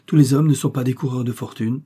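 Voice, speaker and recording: A man's voice: medium pitch, fairly even intonation, quick pace, warm tone, slightly rough, lightly acted. A man reading aloud voices a distraught, proud young woman who accuses and reproaches in a raised voice. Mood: bitter. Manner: pleading then bitterly accusing.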